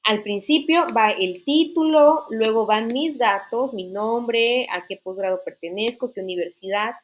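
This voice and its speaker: A woman's voice: a little high, measured pace, slight background noise. Patient woman teaching an online class. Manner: explains patiently with fillers and checking questions. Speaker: literature teacher. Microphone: computer mic in an online class.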